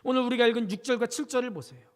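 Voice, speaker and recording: A woman's voice: on the high side, very fast. A woman pastor preaching, telling a story with rhetorical questions and acted-out quotes. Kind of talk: sermon. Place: church sanctuary. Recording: long reverb of a church sanctuary.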